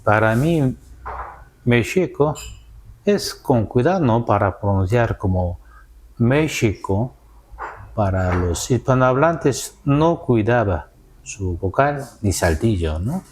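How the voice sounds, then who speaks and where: A man from South Korea with a Korean accent, a scholar answering interview questions in halting, careful non-native Spanish, often adding "¿no?". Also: mid-range voice, lively intonation, a little hiss or hum.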